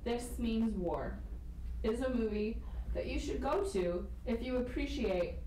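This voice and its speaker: A woman's voice: on the high side, animated, a little slow, warm tone. A woman giving a casual, comic film rant in a loose drunken manner, sarcastic and sweary. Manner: tipsy, loose drunken delivery; acts out quotes in mocking voices. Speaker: amateur film reviewer. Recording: echoey room, distant mic, faint noise.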